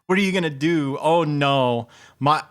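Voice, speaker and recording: Playing a retro game live, this streamer keeps up a jokey, chatty running commentary, laughing a lot and talking directly to his chat. His voice is fairly high, slightly bright and smooth, and he speaks at a measured pace.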